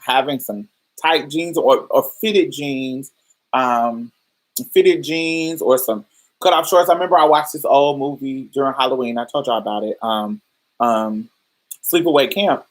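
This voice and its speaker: A little slow and very deep, the woman's voice comes through a rough recording. She hosts a casual livestream podcast, addressing listeners as she loosely and thoughtfully explains ideas, restarting often and using many fillers.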